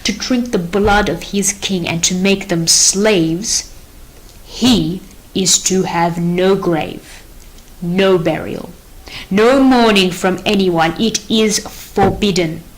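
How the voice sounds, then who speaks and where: A woman's voice: mid-range voice, slow pace, lightly acted, rough recording. A woman reading the part of a stern, unbending male king in an audiobook play, grave and declamatory in manner.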